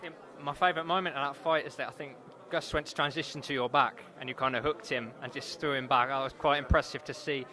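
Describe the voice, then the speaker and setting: A man's voice: medium pitch, fairly even intonation, fast, hardly any pauses, pushed and bright. A man working as an interviewer, asking conversational questions about sport. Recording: crowd chatter behind, urban venue.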